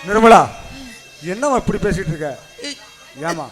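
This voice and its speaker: A man playing a hot-tempered, protective elder brother who shouts insults. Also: sits high, expressive, normal speed, soft background music. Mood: caring. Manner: angry, abusive, shouting.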